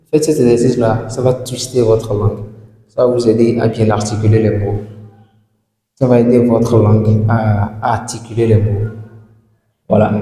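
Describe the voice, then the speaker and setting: West african french guy teaching english words one at a time, says each one twice, really slow, long reverb. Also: medium pitch, dark tone. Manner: repeats each word slowly and carefully. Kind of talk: slow vocabulary lesson. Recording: very echoey room with long reverb.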